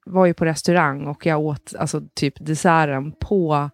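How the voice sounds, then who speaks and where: A woman in her thirties tells a story in a casual podcast chat with a lowish voice. She laughs often, swears casually and acts out other people's lines. The recording is dry and close. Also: steady tone, no echo. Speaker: podcast co-host.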